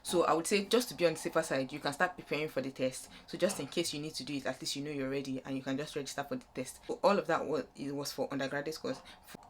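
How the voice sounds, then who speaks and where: A young woman with a Nigerian accent speaks fast in a low-pitched, steady tone, hardly pausing, with a little hiss or hum audible. She's a vlogger giving student application advice in an informal, unscripted way, rambling and rephrasing as she goes.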